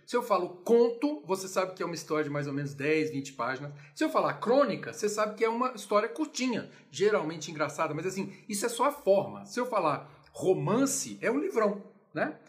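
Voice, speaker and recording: Man, music teacher, informal lesson, playful, animated, high voice. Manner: animated and playful, explaining with sung examples.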